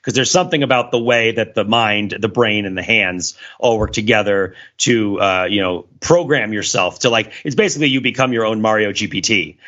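A podcast co-host explains things in a casual, discursive way, often checking in with listeners as he goes. His voice is lowish, a bit bright and fairly quick with few pauses, though the audio sounds dull.

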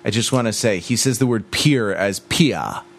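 A man co-hosting a podcast in casual chat, measured and explanatory, often restarting his sentences. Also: lowish voice. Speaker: podcast co-host.

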